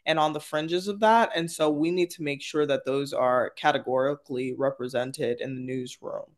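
A man's voice: mid-range voice, steady tone, normal speed. A man speaking as a panel guest, casual and opinionated, articulate and emphatic, peppering points with "like" and "right?".

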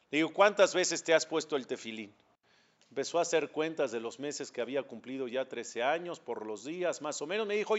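A man's voice: on the high side, fairly bright tone. A man teaching a religious lesson as a rabbi, asking questions and answering them himself. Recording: dull lo-fi recording.

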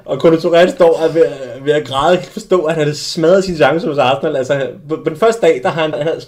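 A young adult man hosting a casual sports podcast, telling lively anecdotes with many restarts. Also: fairly high pitch. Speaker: podcast host. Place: small studio.

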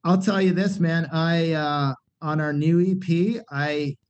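Talking with a fairly high-pitched, nasal voice at an unhurried, steady pace, a middle-aged punk band singer appears as a podcast guest. He rambles candidly through a casual conversation, restarting often and using lots of fillers, on a dull lo-fi recording.

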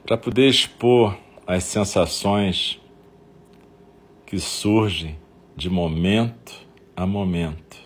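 A man with a Brazilian accent and a husky voice leading a guided meditation in short, unhurried phrases with long pauses. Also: low-pitched.

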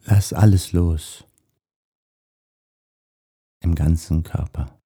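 A man leads a guided meditation in a deep, very dark and mellow voice. His delivery is soft, hushed and soothing, husky with breath, and leaves long pauses between short phrases. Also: steady tone. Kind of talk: guided meditation, body scan.

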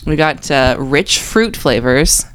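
A woman co-hosts a casual podcast in a low voice. She has a mild cold, so her speech sounds congested, as if through a stuffy nose. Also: expressive, slow pace. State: mildly sick with a cold. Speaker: podcast co-host.

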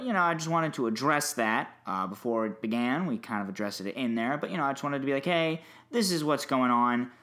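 Male podcast host, mid-pitched, self-deprecating and apologetic, informal solo delivery. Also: pushed and bright. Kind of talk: casual spoken introduction.

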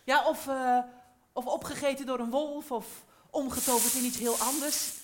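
A high-voiced woman speaks up from a theatre audience, hesitant and inquisitive. She stammers and repeats words as she fires off questions. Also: fairly even intonation, normal speed, noisy background. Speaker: audience member interrupting the show. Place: live theatre.

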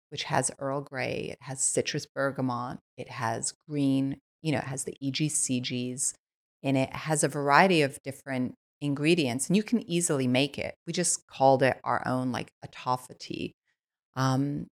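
An extremely low-pitched voice with vocal fry comes from a Swiss woman guesting on a podcast. She tells stories in an enthusiastic, offhand conversational way, peppered with "like."

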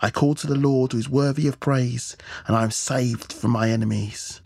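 A man voicing a desperate male gunman who whispers a psalm in a slow, hushed, prayerful recitation. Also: mid-range voice, steady tone, creaky, husky, no room sound, clean studio sound, pitched above the performer's own voice. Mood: fervent.

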